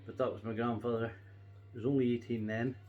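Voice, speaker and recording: A man's voice: mid-range voice, little pitch movement, fast, highs cut off. A middle-aged or older Scottish man chatting casually to camera, reminiscing in a rambling, folksy and reflective way. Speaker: pipe-smoking vlogger.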